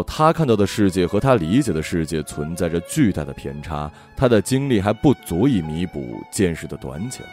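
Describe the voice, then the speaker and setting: Male audiobook narrator, low voice, lively delivery, faint music under him. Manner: expressive, gentle storytelling. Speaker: storyteller.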